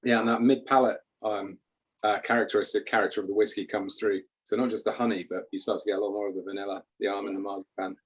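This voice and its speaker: A man talking through a tasting in a measured, descriptive way, and telling a deadpan tall tale. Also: lowish voice, husky. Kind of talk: casual tasting chat.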